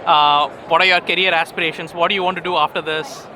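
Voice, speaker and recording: A man interviewing a researcher at a conference, casual, with quick backchannels and friendly questions. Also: on the high side, steady tone. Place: crowded conference poster hall. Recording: noisy conference floor.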